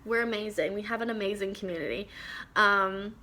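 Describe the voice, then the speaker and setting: A woman's voice: mid-range voice, fairly quick, sharp tone. A young woman talking to the camera about her favorite books, chatty and enthusiastic with lots of ums and little laughs. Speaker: book vlogger. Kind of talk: casual book recommendation vlog.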